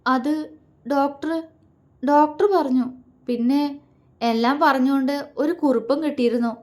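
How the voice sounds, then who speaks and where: A woman's voice: sits high, steady tone, normal speed, lightly acted. Scared middle-aged uncle, as a woman reads him, stammering, fearful, storybook character. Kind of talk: storybook reading.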